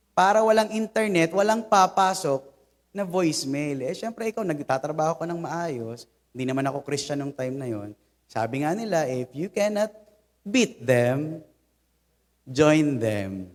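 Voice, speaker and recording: A young Filipino man gives a humorous, conversational sermon full of lively personal stories. His voice sits a little high for a man. The sound carries a long reverb from a church hall. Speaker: preacher.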